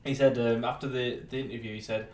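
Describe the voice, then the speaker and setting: A man's voice: mid-range voice, fast. A man co-hosting a casual podcast chat, telling stories with acted-out quotes, laughter and swearing. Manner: animated storytelling, acts out quotes, laughs and swears. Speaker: podcast co-host. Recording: roomy echo.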